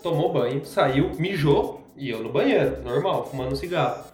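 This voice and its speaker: A young man, his voice a little higher than most, talks in easygoing, slangy podcast chat. The room adds a roomy echo, with faint music underneath. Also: lively intonation, normal speed, a little mellow.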